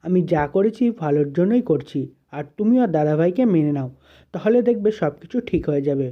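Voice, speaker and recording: A man doing a gentle coaxing young sister. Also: deep voice, lively intonation, brisk, dull audio. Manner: soothing, persuasive.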